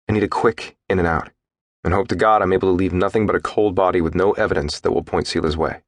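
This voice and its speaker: Low-voiced male audiobook narrator. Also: no room sound, clean studio sound. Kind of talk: first-person scripted narration.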